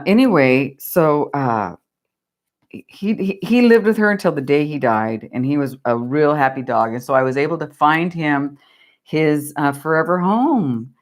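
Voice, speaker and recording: A woman telling a rambling, chatty story while she crafts, often laughing at her own tale. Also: low-pitched. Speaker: craft vlogger.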